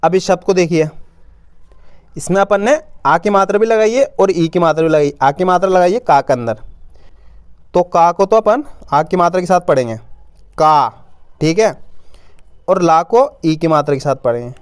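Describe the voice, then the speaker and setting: A man's voice: high-pitched, normal speed, no room sound. Patient man teaching reading aloud. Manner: patient, repeats each word as a question and answer; says "apan" for "we", informal spoken Hindi. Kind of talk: step-by-step reading lesson.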